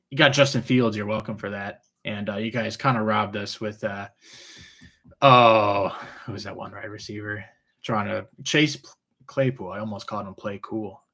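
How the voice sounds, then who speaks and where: A man's voice: fairly low pitch, fairly bright tone. A man with trouble saying his R's, which sound like W's, chatting casually and answering viewer questions as a rambling, easygoing live stream host.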